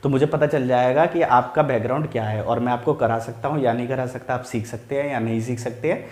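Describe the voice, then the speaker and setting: हिंदी व्याकरण पढ़ाने वाला एक पुरुष शिक्षक, जो उदाहरण धीरे-धीरे दोहराता है और अपने ही सवाल पूछकर खुद जवाब देता है।. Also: male voice, mid-range voice, a little mellow, roomy sound. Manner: repeats examples slowly, asks and answers own questions. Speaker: Hindi grammar teacher. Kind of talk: explaining lesson to camera.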